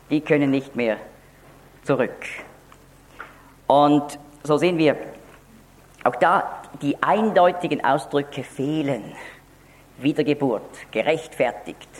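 A man preaching a Bible teaching, explaining step by step and stressing key words, sometimes restarting and repeating words. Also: a little high.

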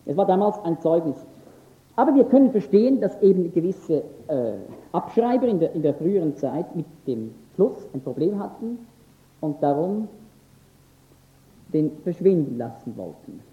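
A man teaching a lecture on scripture, earnest and emphatic, pausing now and then with fillers. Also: a little high, big pitch swings. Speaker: Bible teacher. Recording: echoey, phone-like lo-fi recording.

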